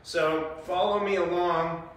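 A man's voice: high voice, fairly even intonation, slow, fairly bright tone, far from the mic. Chatty man in an echoey room. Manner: chatty, loose, many fillers while moving in VR headset. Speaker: sales presenter demonstrating VR training. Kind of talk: casual product demonstration. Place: small carpeted-floor training room indoors. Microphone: far camera.

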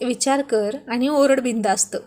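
A woman's voice: fairly high pitch, unhurried, warm tone, lightly acted. A woman voicing a teasing, bossy young husband who mocks his wife playfully. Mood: mocking. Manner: mocking, playful taunts.

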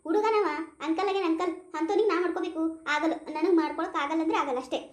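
A stubborn young woman in a cartoon, defiant and mocking, refusing a match in a North Karnataka Kannada accent, as a woman puts her on. Her voice is high and quick. Echo hangs around it. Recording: roomy echo.

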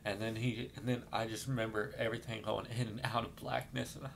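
Man of middling pitch with a gravelly edge, rambling through a shaken personal account; light background rumble. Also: quick pace. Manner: rambling, with many fillers and restarts; gets shaken and apologizes, trying to calm down. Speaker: vlogger telling his life story. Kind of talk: emotional personal storytelling.

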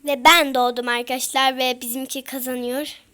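A young girl with a stuffy nose from a cold, giving excitable commentary while playing a game, often shouting and groaning. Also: high-pitched, normal speed, clear, resonant tone. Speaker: YouTuber. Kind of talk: gameplay commentary.

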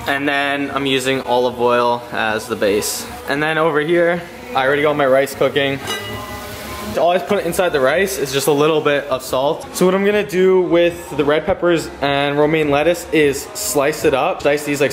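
A young man in his twenties vlogging casually from his home kitchen, filling his talk with "like" and swearing now and then, on a handheld camera. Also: a little high. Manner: laid-back, filler-heavy, swears casually. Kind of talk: casual vlog walkthrough. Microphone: handheld camera at arm's length. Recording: echoey kitchen room sound.

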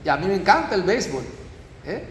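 A priest giving a parish talk, telling stories and checking in with the audience. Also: male voice, high voice, big pitch swings, fast, fairly bright tone, slight background noise. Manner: storytelling, asks audience with frequent tag "¿eh?". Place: church. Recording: echoey church hall.

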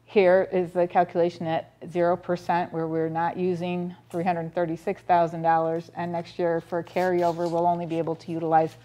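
In a board meeting room, by a projector screen, a middle-aged woman methodically presents a school district budget to a public meeting, frequently pausing on ums and starting over. Her fairly low, mellow voice is completely flat, at normal speed with few pauses. The sound comes from a distant camera's room audio.

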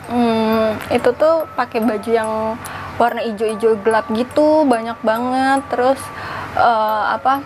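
A young woman in her twenties casually retelling a ghost account, halting and searching for words, on a lapel mic in an indoor studio. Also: fairly high pitch, slight background noise. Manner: halting, searching for words, animated hand gestures. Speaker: storyteller. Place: indoor studio with a draped backdrop.

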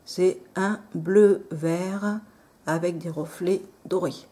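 A woman casually showing off nail polish on camera, soft-spoken and apologetic, often dropping into near-whispers. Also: on the low side, fairly even intonation, slow. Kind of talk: casual show-and-tell.

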